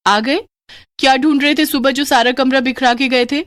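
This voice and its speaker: Woman doing a shrill greedy young wife. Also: moderate pace, dry recording. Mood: scolding. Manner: shrill, excitable.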